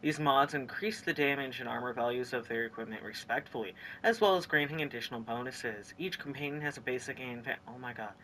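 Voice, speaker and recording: A gaming streamer giving let's play commentary, excitable and rambling, reading the game's text aloud between reactions. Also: mid-range voice, fairly quick, few pauses, a little hiss or hum.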